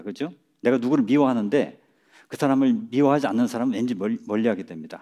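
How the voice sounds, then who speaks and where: A middle-aged man speaks from a stage in a mellow, warm voice. He lectures in a measured way, now and then chuckling at his own jokes. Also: medium pitch. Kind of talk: public lecture. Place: lecture stage before an audience.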